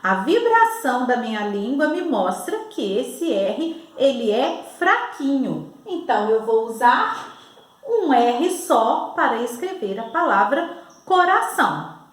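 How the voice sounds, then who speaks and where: A Brazilian woman teaching young children to spell, slow and over-enunciating as she talks straight to the child. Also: a little high, sing-song. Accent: Brazilian Portuguese. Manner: patient, over-enunciating, addresses the child directly. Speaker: primary school teacher. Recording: echoey room.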